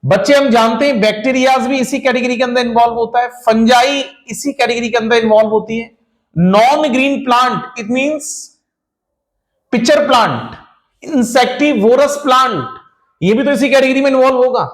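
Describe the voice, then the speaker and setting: A man's voice: very high-pitched, moderate pace. A male teacher lecturing to a class. He keeps asking the class rhetorical questions, repeats key points, calls his students children, and mixes English terms into his speech.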